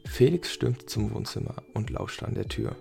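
A man reading a story aloud in a plain, even narrating manner. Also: lowish voice, moderate pace, gravelly, soft background music.

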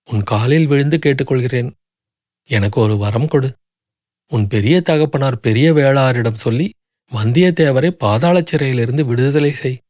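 A man's voice: medium pitch, darkish tone, dry recording, studio quality, close to an everyday voice. A man voicing a grief-stricken young noblewoman who pleads desperately through sobs.

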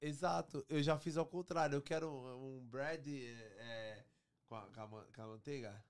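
Um homem brasileiro conversando à vontade, cheio de gírias, divagando nas histórias. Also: male voice, medium pitch, fairly even intonation, moderate pace, clear, resonant tone, no echo. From Brazil. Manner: slangy, rambling, says mano a lot. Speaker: band member guest. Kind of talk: casual podcast chat.

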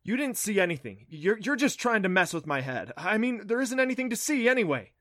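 A man reading a story, voicing a flustered, defensive teenage boy who is quick to complain. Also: medium pitch, sharp tone, dry recording, studio quality, close to an everyday voice.

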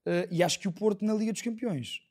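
A man hosting a casual sports podcast, leading the talk in a brisk way. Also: sits high, a little mellow, husky. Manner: brisk, leads the show. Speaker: podcast host.

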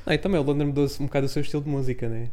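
Young portuguese dude, super quick talker, warm relaxed tone, short explanations. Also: male voice, on the high side. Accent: European Portuguese. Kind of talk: casual chat.

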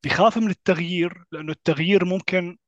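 A man with a Levantine Arabic accent talks in a casual discussion as a co-host, reasoning through measured objections on a slightly dull recording. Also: sits high, dry recording.

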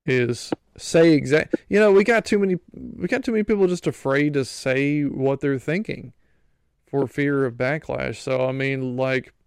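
A man's voice: mid-range voice, normal speed, clean tone, no room sound, clean studio sound. A man hosting a casual podcast chat, tired and sleepy, with a laid-back, agreeable manner.

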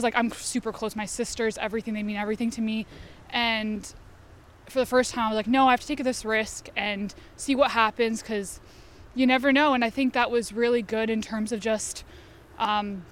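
A young adult woman from Albania, chatting casually as an interview guest with frequent fillers and quick bursts. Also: fairly high pitch, a bit bright, slight background noise.

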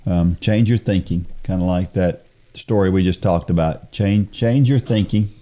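A man co-hosting a podcast in easygoing casual chat, agreeable and quick to say yeah. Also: deep voice, warm tone. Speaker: podcast co-host.

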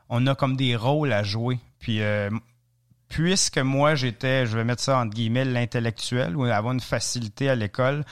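A man, a guest in an interview, talking casually and thoughtfully with frequent restarts and hesitations. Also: mid-range voice. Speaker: podcast guest, travel author.

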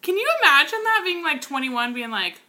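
A woman in her twenties, co-hosting a podcast and telling a family story in casual, animated chat. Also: sits high, fairly quick. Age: 20s. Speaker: podcast co-host.

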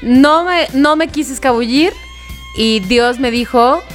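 A woman with a Mexican accent hosting a casual chat, colloquial and quick with short agreeing replies. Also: high voice, soft background music. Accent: Mexican Spanish. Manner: chatty and colloquial, backs up the others with short replies.

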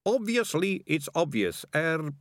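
A man's voice: on the high side, big pitch swings, a little slow, no echo, studio quality, voice pushed up. A man voicing a dim, eager male rat catcher who blusters nervously. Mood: blustering.

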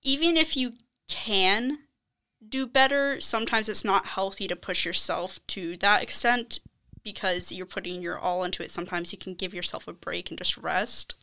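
A young woman speaks emphatically in a panel chat, leaning hard on key words. Her voice is bright and forward, with a crisp, clean tone. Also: mid-range voice, moderate pace. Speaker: student panelist. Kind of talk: casual panel discussion.

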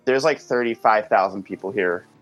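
A man in his twenties from Greater Boston, a singer-songwriter guest talking casually in an unhurried, easygoing way. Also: lowish voice, dull audio, soft background music. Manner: relaxed, unhurried, drawn-out explanations with fillers. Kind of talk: casual interview chat.

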